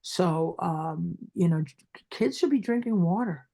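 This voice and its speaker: A woman's voice: on the low side, expressive, measured pace, creaky, dark tone. Emphatic woman with a Brooklyn accent. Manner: emphatic, repeats herself for stress. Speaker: dentist guest. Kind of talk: interview.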